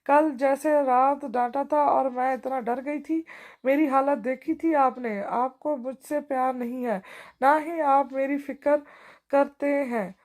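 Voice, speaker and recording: A woman's voice: high-pitched, fairly even intonation, unhurried, darkish tone. A woman reading the lines of an innocent, mischievous young wife in an audio novel, pouting and playful.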